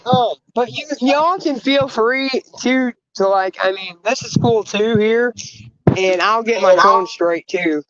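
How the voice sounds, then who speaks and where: A woman's voice: on the high side, takes it slowly, fairly bright tone. A woman talking loosely and informally over a cell phone while walking outdoors, her call breaking up and cutting in and out. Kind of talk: casual livestream chat. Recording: muffled phone line breaking up.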